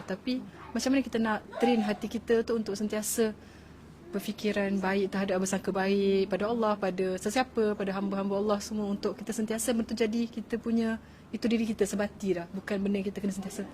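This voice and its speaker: A woman's voice: medium pitch, fairly even intonation, quick pace, darkish tone, slight background noise. A Malaysian woman asking a question in casual conversation, speaking hesitantly and searching for words.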